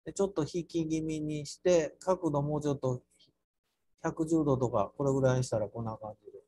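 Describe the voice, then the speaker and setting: A man with a Kansai accent teaching an architecture class through a software task, playful, with sound words and mock squeals. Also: on the high side, a little fast. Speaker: architecture instructor.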